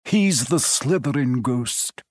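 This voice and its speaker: A man's voice: medium pitch, lively intonation, slow, darkish tone, dry recording, clean studio sound. Man doing a stiff, fussy old ghost nobleman. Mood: earnest. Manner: stiff, fussy and slightly pompous.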